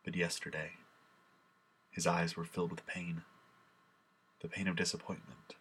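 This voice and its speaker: A man's voice: low-pitched, level tone, normal speed, fairly bright tone, a little hiss or hum. A man performing a solemn, impassioned first-person monologue as a grieving, remorseful apostle. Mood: sorrowful.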